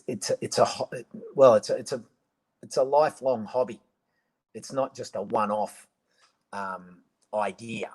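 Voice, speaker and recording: A man's voice: mid-range voice, a little mellow, low-quality recording. A man answering viewer questions on a casual live stream, rambling with many restarts and ums.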